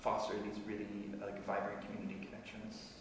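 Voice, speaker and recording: A man moderates a virtual Q&A, posing long questions in a measured, hesitant manner. His low voice barely moves in pitch. It comes from far off the mic, in a room full of echo and noticeable noise. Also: completely flat delivery. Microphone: video call. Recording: echoey room, distant mic, audible noise.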